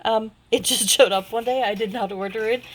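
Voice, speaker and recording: A woman in a casual unboxing vlog, excited and gasping with delight, sometimes dropping to a hushed whisper. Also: a little high, fairly quick, poor audio. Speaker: vlogger unboxing a package.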